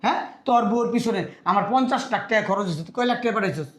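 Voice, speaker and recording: A man's voice: sits high, animated, racing, roomy sound. A man playing a scolding, abusive father-in-law. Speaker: father-in-law in a drama skit. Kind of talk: Bangladeshi short drama acting.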